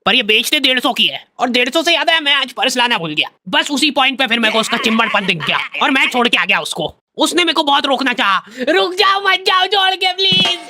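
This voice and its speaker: A woman's voice: high voice, expressive, fairly quick, hardly any pauses, bright, forceful tone, slight background noise. A woman voicing a boastful male senior student who acts as a know-it-all mentor in a cartoon.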